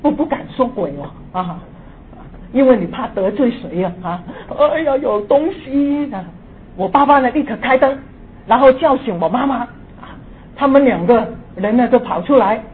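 A woman's voice: on the high side, normal speed. Older woman telling a ghost story. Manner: lively, swings between hushed and excited. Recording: tinny phone-like audio with faint hiss.

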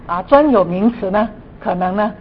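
A woman from Guangdong speaks Mandarin with a clear Cantonese accent, as a native Cantonese speaker teaching at church. Her voice sits at a middle pitch. The recording is dull and lo-fi, with some noise and rumble behind her. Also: animated, normal speed. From Guangdong, China. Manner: frequent sentence particles, mixes in English terms.

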